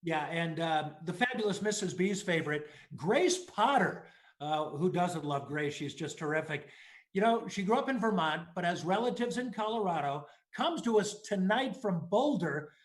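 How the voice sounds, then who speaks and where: High-voiced man hosting a fundraiser. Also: lively intonation, normal speed. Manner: upbeat announcer, donation appeals. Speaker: radio host.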